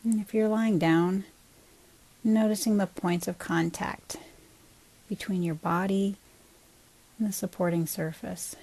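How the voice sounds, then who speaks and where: A woman teaches a body scan meditation, speaking calmly, gently and without hurry, pausing between short phrases. Her voice is medium in pitch with a breathy edge, and the recording is rough.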